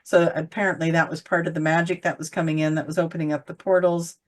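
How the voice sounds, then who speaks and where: A woman's voice: low-pitched, level tone, fast talker. A woman in casual conversation about spiritual channeling, rambling and searching for words with many fillers. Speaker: channeler co-host.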